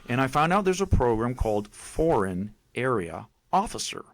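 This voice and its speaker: A middle-aged Puerto Rican man, a native Spanish speaker with a Puerto Rican accent, tells stories with animated emphasis as a podcast guest in a casual interview. His medium-pitched voice moves at normal speed, and the recording is dry.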